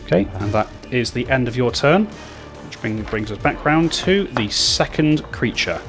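A man runs a tabletop role-playing game as game master. He narrates in a halting, suspenseful way, picking his words as he goes, with music clearly playing behind him. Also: mid-range voice, expressive, a bit bright. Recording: background music under the voice.

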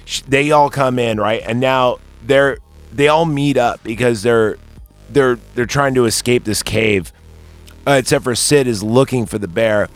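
A man hosts a casual film review podcast, talking bluntly and cursing freely. He rambles through the plot and breaks into high, squeaky voices when he quotes characters. Faint music plays underneath. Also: a little slow. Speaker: podcast host reviewing a movie.

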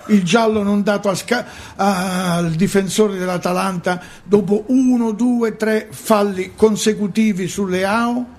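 A man's voice: high-pitched, fairly even intonation, measured pace, hardly any pauses. A man in a heated TV sports debate, speaking as a football pundit who insists on his point and repeats phrases emphatically.

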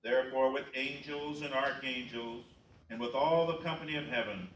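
A man leading a church liturgy in a measured, solemn recitation, his voice ringing in a cathedral echo. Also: mid-range voice, steady tone, a bit bright. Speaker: presiding minister. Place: large church. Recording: echoey church, distant mic, faint hiss.

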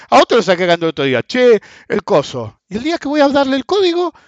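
Very high-pitched with huge pitch swings and a quick pace, an Argentine man in his forties rants to his followers about markets in Rioplatense Spanish. The finance commentator is blunt, sarcastic and full of swearing, captured on a dull, dry, lo-fi recording with no echo.

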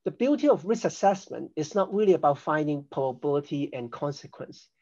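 A man's voice: fairly high pitch, expressive, fairly quick, darkish tone, lo-fi sound. An older man from Hong Kong, a podcast guest, explaining risk assessment in a chatty, self-deprecating way. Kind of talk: conversational interview.

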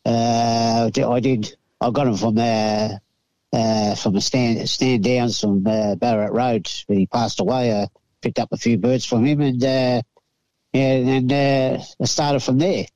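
An older man speaks with an Australian accent in a dry, close sound. His pitch is ordinary for a man, and he answers casually in a laconic, halting drawl, as a guest in an interview. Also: steady tone, dark tone, no echo, muffled recording. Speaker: racing pigeon fancier, interview guest.

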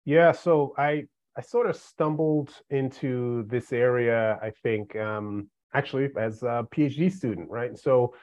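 A man's voice: medium pitch, measured pace, darkish tone, no room sound, muffled recording. A man in his forties, a podcast guest, talking in a laid-back, joking, self-mocking way. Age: 40s. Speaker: podcast guest, management professor. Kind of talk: casual chat.

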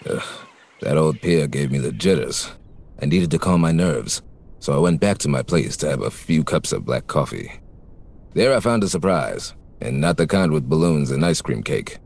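An actor playing a wisecracking, world-weary private detective, deadpan, in a parody noir audio drama. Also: male voice, rumbling low, normal speed, creaky, heavily acted. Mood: wry. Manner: deadpan, hard-boiled wisecracking. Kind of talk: parody noir narration and radio drama acting.

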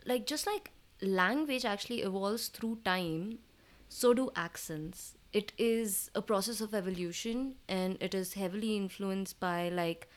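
A woman's voice: mid-range voice, measured pace. A woman from South India with a South Indian accent, chatting casually in an explanatory way and agreeing emphatically. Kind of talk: casual conversational discussion.

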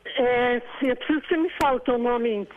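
A woman's voice: a little high, fairly quick. A middle-aged woman heard over a landline phone, a little out of breath, warily asking a caller for details. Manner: wary, keeps asking for details. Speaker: prank call target. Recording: noisy narrow phone line.

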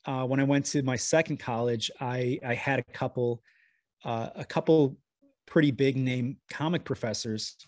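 A man's voice: medium pitch, a little mellow, no echo. Man talking over a video call. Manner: rambling, restarts sentences often. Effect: heard over a video call with a shaky connection. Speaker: guest, comics editor. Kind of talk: casual interview talk.

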